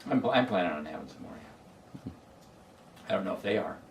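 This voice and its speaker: A man's voice: low voice, expressive, fast, creaky. A man in his sixties chatting casually at home, easygoing and reflective. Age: 60s. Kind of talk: casual chat. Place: home living room. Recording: distant mic, faint room noise.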